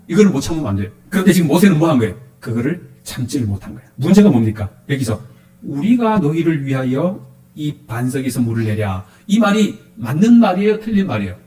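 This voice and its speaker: Man, pastor, quick sermon, questions to the flock, lively pitch, echoey church. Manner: animated, asks the congregation questions.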